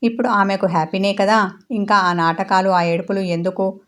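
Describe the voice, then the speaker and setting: A woman's voice: medium pitch, fairly even intonation, normal speed, fairly bright tone, natural voice. A woman voicing an angry, egotistic young husband who rants resentfully at his friend in a storybook reading. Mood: bitter ranting. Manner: resentful, accusing rant.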